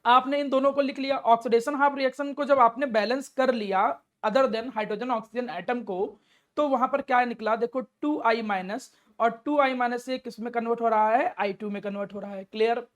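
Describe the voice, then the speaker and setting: A woman's voice: a little high, steady tone, moderate pace. A woman teaching a chemistry lesson step by step, asking and answering her own questions and affectionately addressing the student. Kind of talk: classroom lecture.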